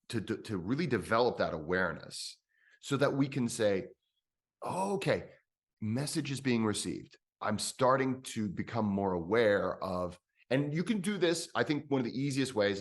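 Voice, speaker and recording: A man coaching on breathwork in a relaxed conversation, thinking out loud with restarts and bursts of emphasis. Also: mid-range voice. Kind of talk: conversational explanation.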